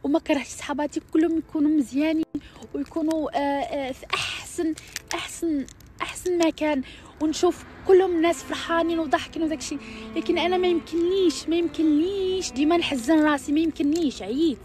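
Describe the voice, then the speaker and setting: A woman's voice: sits high, fast, a little mellow. A Moroccan woman venting emotionally to her followers, upset, exasperated and tearful, repeating phrases and stumbling over her words. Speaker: social media vlogger.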